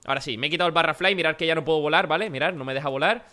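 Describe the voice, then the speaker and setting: A young man from chatting excitedly and joking while playing Minecraft with a friend. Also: on the high side, racing. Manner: excitable, joking, shouts during jumps. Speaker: gaming channel host. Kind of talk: excited Minecraft let's play chat.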